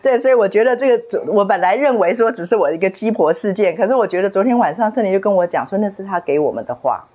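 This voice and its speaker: Husky-voiced woman leading a group. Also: medium pitch, fast talker, few pauses. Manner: animated storyteller who acts out quoted voices. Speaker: book club leader. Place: room with a small group. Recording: dull lo-fi recording.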